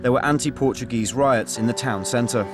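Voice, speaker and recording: A man giving measured, scripted documentary narration. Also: medium pitch, music in the background.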